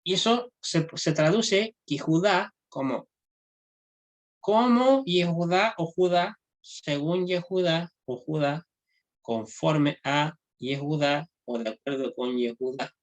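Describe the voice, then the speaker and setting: Male language teacher, slightly high voice, informal classroom lecture, frequent check-ins, halting delivery. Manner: checks understanding with frequent tag questions; halting, restarts phrases often. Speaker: Hebrew grammar teacher.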